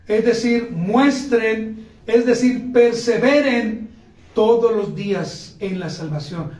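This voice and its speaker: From a distance in an echoing church sanctuary, a male pastor with a high, slightly mellow voice preaches a sermon. He calls earnestly to his congregation and often breaks into spoken prayers.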